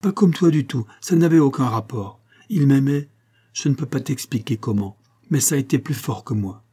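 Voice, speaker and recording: Male reader doing a husky, defiant young peasant woman, raised and pleading. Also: medium pitch, a little fast, dark tone, natural voice.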